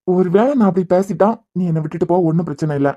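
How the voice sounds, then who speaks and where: A woman voicing a devoted young husband who is a hospital head, speaking in a Kanyakumari Tamil accent, bantering fast and turning stern at times. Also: fairly low pitch, mellow, lo-fi sound, lightly acted. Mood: tender, reassuring. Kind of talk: cartoon web series voice acting.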